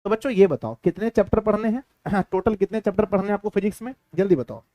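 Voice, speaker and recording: A man's voice: sits high, expressive, quick pace, dark tone, dry recording. A man with a Bihari Hindi accent teaching a class, repeating himself and quizzing his students. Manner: repetitive, keeps quizzing students. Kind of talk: classroom lecture.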